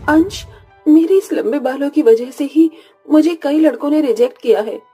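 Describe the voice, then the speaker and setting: A man's voice: very high voice, lively intonation, moderate pace, faint music behind, voice pushed up. A man voicing a meek, tearful young bride in a spoken storybook. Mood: pleading. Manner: pleading, soft and submissive. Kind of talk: storybook narration with voices.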